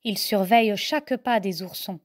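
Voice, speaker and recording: A mother reading a children's story aloud in a slow, expressive storybook manner. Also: mid-range voice. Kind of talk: storybook narration.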